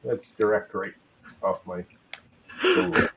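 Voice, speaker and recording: A man's voice: fairly low pitch, wildly swooping pitch, slow, vocal fry, very noisy. A man chatting casually on a stream, rambling and searching for his words. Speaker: guest on a stream. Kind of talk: casual chat.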